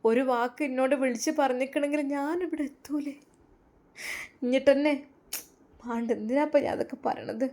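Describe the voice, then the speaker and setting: A woman's voice: high voice, steady tone, moderate pace, long pauses, warm tone. A woman voicing a worried older mother from Malappuram who pleads anxiously, with a Malappuram accent. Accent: Malappuram Malayalam.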